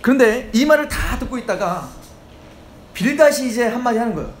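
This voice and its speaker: A man's voice: very high-pitched, brisk, a little hiss or hum. A male pastor preaching an expository sermon in a church, switching between reading scripture and voicing characters in casual speech. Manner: animated preaching, voicing Bible characters in plain talk. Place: church sanctuary. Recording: echoey church hall, faint ambience.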